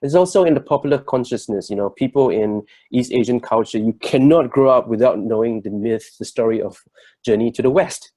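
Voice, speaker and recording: Mellow-voiced man, earnest talk. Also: mid-range voice, fairly quick. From Singapore. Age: 30s. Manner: earnest, thoughtful, searching for words. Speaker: workshop co-presenter. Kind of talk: reflective personal talk.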